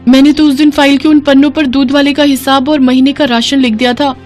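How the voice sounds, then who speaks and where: A woman voicing a young daughter-in-law in a cartoon, quick, defensive and excitable. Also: high voice, soft background music, pitched above the performer's own voice, lightly acted. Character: young wife, fibbing, flustered daughter-in-law. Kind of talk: cartoon voice acting.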